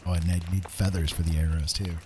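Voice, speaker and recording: A game streamer with a low, flat voice talks fast over music, rambling and thinking aloud during casual live gameplay commentary. Video game sounds come through clearly in the background.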